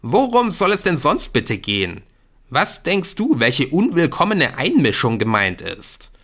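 A man reading an audiobook, voicing a worried, earnest teenage schoolboy who pleads urgently in a raised, high voice. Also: wildly swooping pitch, a little slow, a bit bright, full character voice. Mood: worried, insistent. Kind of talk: audiobook character voice.

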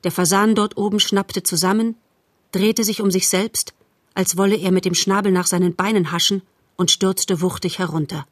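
A woman narrating a storybook in a measured, calm way. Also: mid-range voice, no room sound, clean studio sound. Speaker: audiobook narrator.

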